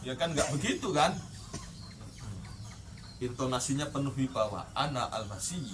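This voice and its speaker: In a traditional pesantren kitab session, a Javanese-accented man reads Arabic from a classical Islamic text, translates it word by word into Javanese, and explains it in Indonesian. His mid-range voice is expressive and a little slow, recorded from a distance with background noise.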